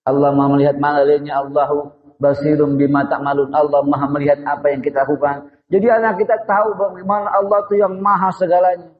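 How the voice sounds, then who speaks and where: Brief: male religious teacher with a fairly high voice, lively and asking his listeners questions, gentle when he speaks as if to a child. Dull, muffled recording. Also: fast talker. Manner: lively, asks the audience questions. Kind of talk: Quran study talk to parents. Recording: muffled, with a long reverb.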